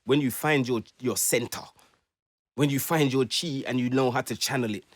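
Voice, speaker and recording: A man's voice: mid-range voice, moderate pace, no echo. A man hosting a casual podcast chat, preachy and philosophical, drawing out his points.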